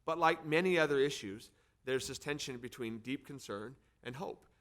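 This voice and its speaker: This middle-aged American man, who leads a think tank and hails from Arizona, hosts an event at a moderate pace. His mid-range voice is a bit bright, and he introduces speakers semi-formally, partly off the cuff, repeating words for emphasis.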